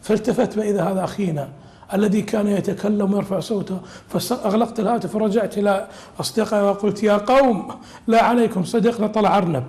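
A man's voice: sits high, steady tone, fast, a little mellow. A man teaching a religious lesson as a sheikh, explaining an old text with humorous asides.

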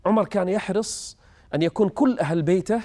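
A man's voice: high-pitched, fast talker, warm tone. A man hosting a religious programme, telling stories and teaching in a scripted lecture style, in formal standard Arabic.

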